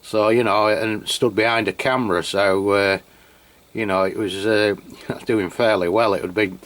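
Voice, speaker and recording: Out on a cold, wet hilltop, a man from England reviews a radio in a lowish, slightly bright voice, unhurried and fairly even in intonation. He chats casually to camera, stumbling through plenty of fillers and restarts, recorded on a handheld radio mic and camera.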